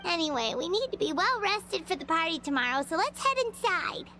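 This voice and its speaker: A woman voicing a tiny, bubbly female fairy companion in a game, with a high, sing-song manner. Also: very animated, brisk, music in the background. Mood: sleepy. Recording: game audio with background noise.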